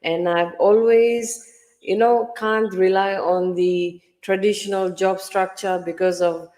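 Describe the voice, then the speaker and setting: A woman's voice: mid-range voice, fairly even intonation, slow pace, warm tone. Woman in her forties, hall echo. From Fiji. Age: early 40s. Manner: earnest, personal storytelling. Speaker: online mentor, panel guest. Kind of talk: livestream panel talk.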